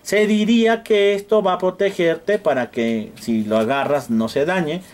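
A man's voice: sits high, measured pace, darkish tone. A man with a Mexican accent teaching electronics repair to a classroom, joking and acting out frustrated customers as he goes. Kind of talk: hands-on class demonstration. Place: classroom with students.

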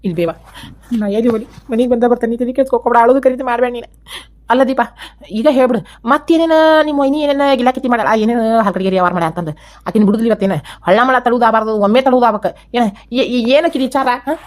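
A woman's voice: a little high, a little mellow, pitched below the performer's own voice, natural voice. A woman voicing a grown man who scolds his family in a cartoon, with a North Karnataka accent. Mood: scolding. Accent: North Karnataka Kannada. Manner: fast, scolding.

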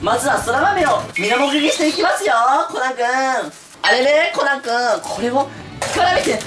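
Casting note: a man doing a prim, eager cartoon boy sidekick, high fussy questions, roomy room, background music. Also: expressive, normal speed, distant mic. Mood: eager, puzzled.

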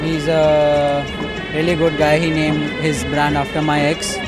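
A young man hosting casual mock interviews in a deadpan manner on a small handheld mic at a busy festival. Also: fairly high pitch, unhurried. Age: 20s. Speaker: vlog host and interviewer. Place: busy open warehouse festival. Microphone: small clip microphone held in hand. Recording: loud music behind.

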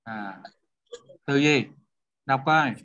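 A man's voice: medium pitch, extremely slow, fairly bright tone. Male teacher, lo-fi. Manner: questioning students, repeats points. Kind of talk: online class lecture. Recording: dull lo-fi sound.

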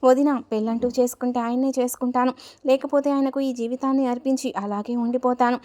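A woman voicing a spirited young village woman who is in love and quick to scold, told as a spoken story. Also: sits high, fairly even intonation, warm tone, natural voice. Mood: tearful.

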